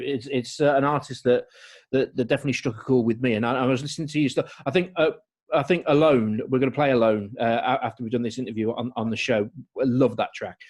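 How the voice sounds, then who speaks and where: Radio host, late thirties, friendly casual delivery that trips over repeated words; average male pitch. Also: a little mellow. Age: 30s. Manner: stumbling, repeats words often.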